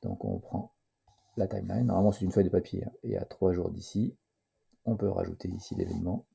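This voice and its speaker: A man presenting a casual board game tutorial, hesitant and full of filler pauses, at times reading the game's text aloud. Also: sits low, animated, gravelly, warm tone, husky.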